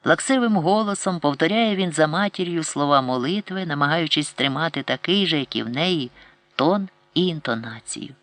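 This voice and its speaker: A man narrating a literary audiobook in a measured, expressive storytelling manner. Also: a little high.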